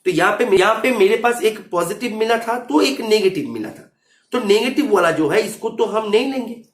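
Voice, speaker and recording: A man with a high-pitched voice teaches math, walking through an exam solution step by step and often checking that students follow. He mixes English terms into his Hindi, and the sound is roomy.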